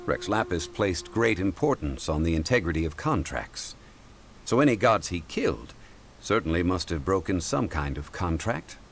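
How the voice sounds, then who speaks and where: Deep dignified scholar in a video game, formal and measured, voice rises and falls a lot. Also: male voice, big pitch swings, vocal fry, background noise, exaggerated voice. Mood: measured, reasoning. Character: composed, learned gentleman consultant, quietly authoritative. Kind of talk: video game dialogue acting.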